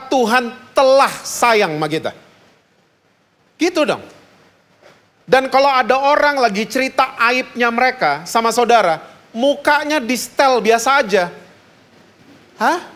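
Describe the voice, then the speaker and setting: A man from Indonesia preaching a lively sermon as pastor, joking and asking the congregation questions. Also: extremely high pitch. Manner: jokey, asks the congregation questions.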